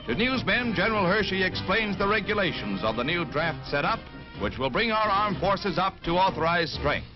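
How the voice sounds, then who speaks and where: A man's voice: high voice, big pitch swings, moderate pace. A man giving dramatic, emphatic 1940s newsreel narration, heard as old newsreel sound. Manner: dramatic, emphatic announcer delivery. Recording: dull lo-fi film soundtrack with music.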